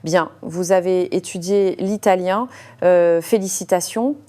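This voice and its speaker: A woman voicing an arrogant rich man who bullies and shouts at a waitress, in an audio story. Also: lowish voice, steady tone, unhurried, lightly acted. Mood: mocking. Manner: shouting, mocking, imperious.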